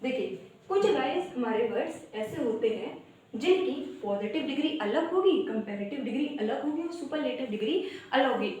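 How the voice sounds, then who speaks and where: A woman's voice: high voice, animated, moderate pace, a little mellow. A woman teaching English grammar in an online coaching lesson, explaining step by step and chanting word lists. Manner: explains step by step, addresses viewers as "guys", sing-song word lists. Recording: very echoey room.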